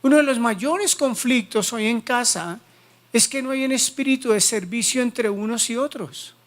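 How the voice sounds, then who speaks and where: Man preaching a sermon. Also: very high voice. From Colombia. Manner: preaching with dramatic Bible reading, sometimes slowing for emphasis. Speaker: pastor.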